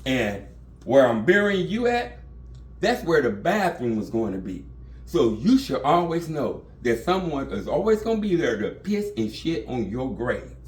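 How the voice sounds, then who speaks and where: A cold, vengeful grown son, as a man puts him on, calmly spelling out threats with a lively rise and fall in his voice. He sounds matter-of-fact and merciless. The voice is heard in an echoey room. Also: medium pitch, a little slow, recorded from a distance. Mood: threatening.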